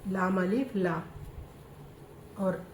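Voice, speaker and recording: Brief: woman teacher, slow and deliberate spelling-out delivery, echoey room, faint background noise. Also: mid-range voice. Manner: spells out letters slowly, then blends them into words. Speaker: Urdu reading teacher. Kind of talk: slow spoken reading lesson.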